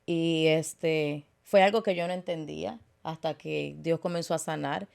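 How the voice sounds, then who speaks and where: A woman speaks as an interview guest, recounting her life earnestly. Her voice sits low and has a gravelly edge. She pauses and restarts often, dropping in fillers and small English asides. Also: steady tone, darkish tone. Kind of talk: personal testimony in interview.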